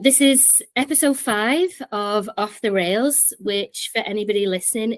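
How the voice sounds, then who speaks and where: Chatty woman hosting a podcast. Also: medium pitch. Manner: chatty, enthusiastic. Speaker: podcast host. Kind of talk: podcast interview.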